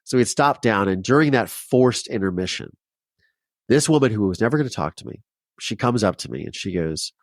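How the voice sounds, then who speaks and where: A man's voice: on the low side, expressive, a little fast, no room sound, studio quality. A man from Ohio, a documentary filmmaker, telling his personal story as a podcast guest, heartfelt and rambling with many restarts. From Ohio, United States.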